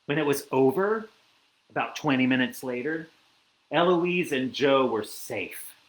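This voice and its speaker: A man reading a children's picture book aloud, with animated storytelling and asides to a listener. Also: mid-range voice, a little slow, reverberant, low-quality recording.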